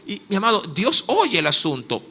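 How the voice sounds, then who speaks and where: A man's voice: sits high, huge pitch swings, moderate pace, bright, forceful tone, slightly rough. A man with an Ecuadorian Spanish accent preaching a sermon emphatically, with repeated direct address to his listeners. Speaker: pastor.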